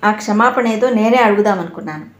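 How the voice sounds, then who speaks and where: A woman's voice: mid-range voice, fast, roomy sound, close to an everyday voice. A woman storyteller voicing a proud, reserved young man who speaks in short phrases, in an audio novel. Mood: remorseful.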